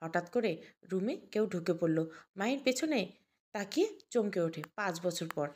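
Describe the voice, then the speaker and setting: A woman's voice: medium pitch, lively intonation, moderate pace, a little mellow. A woman narrating an audio story and reading every character's lines herself, naming each speaker before the line.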